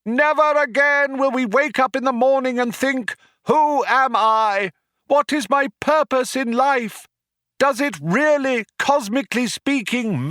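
A grandiose orator bellows his proclamations to a vast crowd, his voice pitched high and drawn out. The sound is close and dry. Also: no room sound, exaggerated voice. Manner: declaiming loudly over a tannoy. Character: booming male crowd orator, grandiose and pompous.

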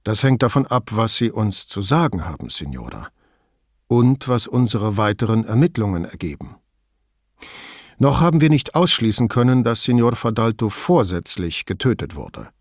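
A man reading an audiobook, voicing a calm, polite middle-aged male police commissioner in a measured way. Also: fairly low pitch, no room sound, studio quality. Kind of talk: audiobook dialogue.

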